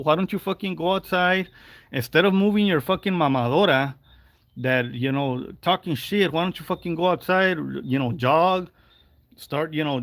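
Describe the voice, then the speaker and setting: A man in his forties rants angrily on a livestream, heated and profane, dropping in Spanish phrases. His voice is on the high side with a fairly bright tone and no room sound.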